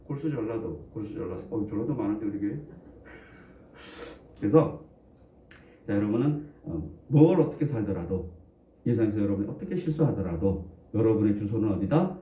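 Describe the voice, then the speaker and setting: A man's voice: lowish voice, expressive, normal speed, mellow. Man, pastor, sermon, conversational, asks the congregation questions, jokes between points, distant muffled recording. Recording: echoey room, distant dull mic.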